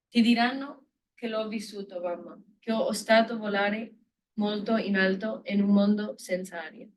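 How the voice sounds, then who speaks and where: A woman's voice: medium pitch, a little hiss or hum, poor audio. A woman from Italy, a student, reading a poem aloud in class, earnest and stumbling over words. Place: lecture room.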